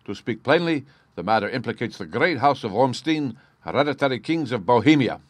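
A man's voice: medium pitch, expressive, fairly quick, dry recording, voice pushed up, natural voice. A man voicing a proud, agitated king of about thirty in an audiobook story, with a formal, grandiose and emphatic manner. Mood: guarded, formal. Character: proud agitated thirty-year-old nobleman, a masked Bohemian king.

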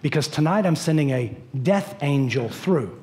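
A middle-aged man preaching a sermon as pastor, animated, pacing a church stage. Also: fairly high pitch, normal speed. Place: church stage in a large dim hall.

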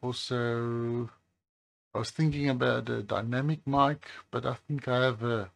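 This man runs a phone repair channel and talks to the camera in an offhand way while working at a workbench near a highway. His low voice has a creaky quality, and he takes it slow and relaxed, with plenty of pauses and hesitations.

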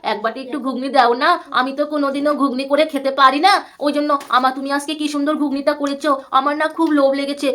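A woman's voice: sits high, level tone, quick pace, fairly bright tone. A woman voicing a wheedling old woman who begs for food in a whiny, mocking tone.

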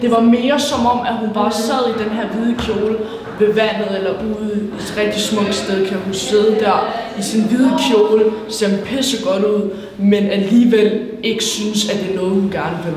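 A woman's voice: mid-range voice, steady tone, a crowd in the background. A young woman answering casually in an interview, rambling and repeating herself. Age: young adult. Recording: distant, very echoey hall with hiss.

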